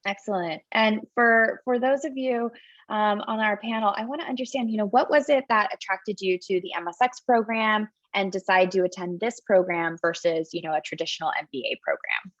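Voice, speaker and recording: A woman's voice: medium pitch, no room sound, muffled recording. Upbeat woman moderating a panel. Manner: upbeat, brisk, quick with short affirmations. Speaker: admissions officer, panel host.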